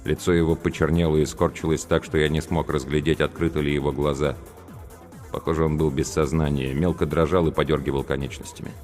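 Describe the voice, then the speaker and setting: Deep-voiced man narrating an audiobook. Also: little pitch movement, a little fast, a little mellow. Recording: long reverb with faint music.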